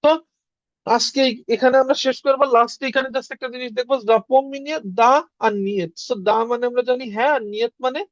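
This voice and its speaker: A man's voice: extremely high pitch, steady tone, quick pace, no echo, muffled recording. Patient man teaching a class. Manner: patient, repeats words for students. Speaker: language teacher. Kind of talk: casual online class.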